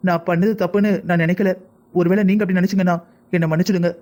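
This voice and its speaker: A man's voice: high voice, fairly even intonation, rapid-fire, dark tone, close to an everyday voice. An actor voicing an earnest young son explaining himself to his family in a cartoon drama.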